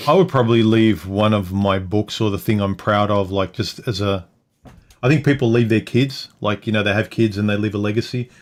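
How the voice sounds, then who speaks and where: Rambling man, low voice. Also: steady tone, fairly quick. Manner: rambling, loses his train of thought, swears casually. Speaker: co-host of a couple's livestream. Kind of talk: casual livestream chat. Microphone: livestream microphone.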